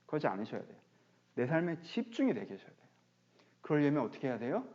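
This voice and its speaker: A male pastor giving a chatty, animated sermon, speaking directly to his congregation. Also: fairly high pitch, quick pace. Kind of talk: conversational sermon. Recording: dull lo-fi online stream.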